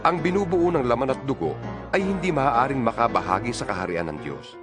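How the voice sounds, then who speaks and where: Voicing an apostle in a dramatized Bible reading, a man with a Filipino accent exhorts fellow believers in a solemn, emphatic, oratorical style. His mid-range voice is expressive, a little fast, and lightly acted, set over a music bed.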